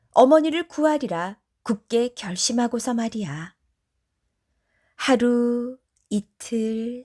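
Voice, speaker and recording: A woman telling a bedtime folktale in a gentle, soothing ASMR narration. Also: a little high. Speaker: storyteller. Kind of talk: soft ASMR bedtime storytelling.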